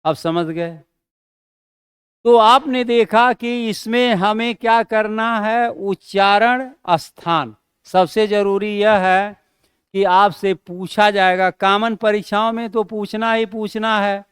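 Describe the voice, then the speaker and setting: A man teaching a classroom lesson poses rhetorical questions and answers them, slowing down to emphasize key terms. His high-pitched voice is clear and resonant, captured in clean studio sound with no echo.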